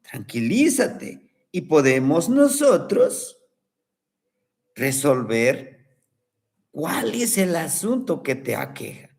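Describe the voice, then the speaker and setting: A man voicing a calm old grandfather who speaks softly and soothingly. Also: on the high side, takes it slowly, gravelly, exaggerated voice. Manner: soft, soothing.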